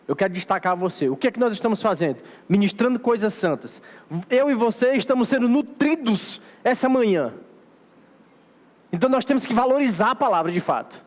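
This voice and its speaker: A Brazilian Portuguese-speaking man preaching a sermon as pastor, exhorting his church in a repeating, emphatic cadence. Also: high-pitched. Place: church sanctuary. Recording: long hall reverb of a church.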